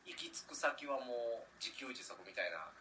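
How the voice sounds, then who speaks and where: A man cohosts a comedy podcast, firing back quick, teasing retorts. His voice has a medium pitch and a bright, forceful edge, and his intonation jumps around a lot. Faint noise hums behind him. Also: lively intonation. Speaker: radio co-host. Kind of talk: casual comedy chat.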